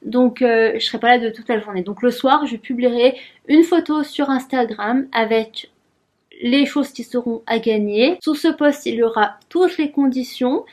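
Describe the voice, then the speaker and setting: A woman's voice: on the high side, a little mellow. A young woman chatting casually in a vlog at her desk at home, giggly and talking to herself as she unboxes things. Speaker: vlogger.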